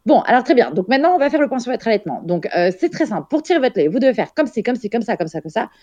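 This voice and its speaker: A woman voicing a stern, indignant female hospital nurse who scolds and lectures in a high voice. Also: very animated, racing, a little mellow, no echo, dull audio. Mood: lecturing.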